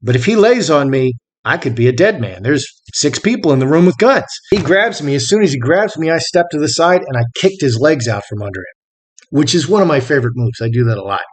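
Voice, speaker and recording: A man telling a story in a casual monologue, animated and emphatic, repeating phrases and breaking into sharp shouted bursts when he quotes people. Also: fairly high pitch, a little fast, husky. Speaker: storyteller recounting a personal fight.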